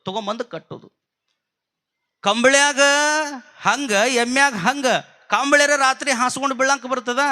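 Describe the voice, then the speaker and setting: A man's voice: very high-pitched, sharp tone. A male preacher with a North Karnataka accent, telling a folksy story in a sermon and asking the audience questions. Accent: North Karnataka Kannada.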